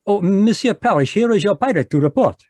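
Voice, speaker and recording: Playing the smug Belgian detective again, the man puts on a French accent for this old-time radio play, staying pompous and polite as the fussy middle-aged character. He speaks a little fast in a high, animated, dark voice with no room sound, over a video call microphone.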